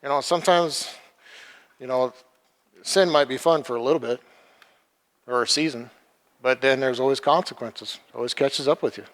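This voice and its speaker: A man giving an informal sermon, halting and repeating words as he retells a story. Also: mid-range voice. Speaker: preacher. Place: church hall. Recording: long hall reverb.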